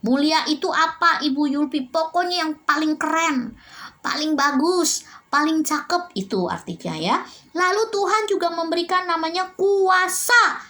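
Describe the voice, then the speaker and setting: A woman's voice: very high voice, measured pace, sharp tone. A woman teaching young children a religion lesson at home, asking them questions in a sing-song way and answering them herself. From Indonesia. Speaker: primary school religion teacher.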